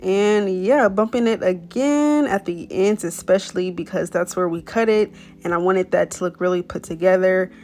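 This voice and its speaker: A woman's voice: lowish voice, moderate pace, few pauses, darkish tone. A young woman giving a casual, chatty voice-over for a hair tutorial, full of slang, small stumbles and restarts. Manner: chatty, slangy, apologizes for stuttering. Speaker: beauty vlogger.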